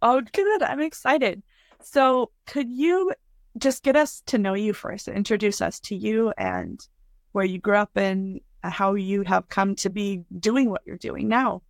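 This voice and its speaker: Woman podcast host, a bit of fry, dry close mic, friendly and eager. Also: medium pitch, animated, measured pace, dry recording. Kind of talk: interview hosting.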